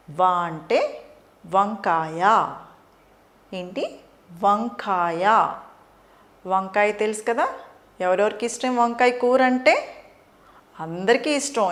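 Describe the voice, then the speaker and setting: A middle-aged woman teaching preschoolers the alphabet, sounding out words syllable by syllable and asking the children questions. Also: medium pitch. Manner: slow, drawn-out syllable-by-syllable teaching; asks the children questions and answers them.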